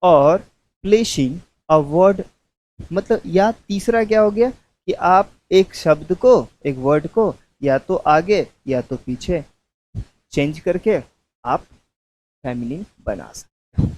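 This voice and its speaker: A male teacher dictating a grammar lesson at an unhurried, drawn-out pace. He repeats each term patiently for his students, slipping English terms into his explanation. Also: sits high, lively intonation, darkish tone, dull audio. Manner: slow, repetitive dictation, mixing English terms into Hindi; calls students "babu".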